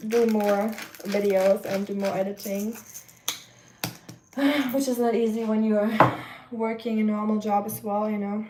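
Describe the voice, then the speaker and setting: This young German streamer, whose voice is fairly high and a bit nasal, rambles chattily with many fillers as she cooks and reads chat messages aloud. Noise can be heard in the background.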